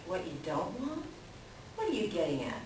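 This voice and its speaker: A woman's voice: fairly low pitch, wildly swooping pitch, normal speed. A woman playing a crafty, scolding, teasing raven with pointed, theatrical delivery in a readers theater animal tale. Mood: wary bargaining. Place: library readers theater performance. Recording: roomy, distant mic, faint background hiss.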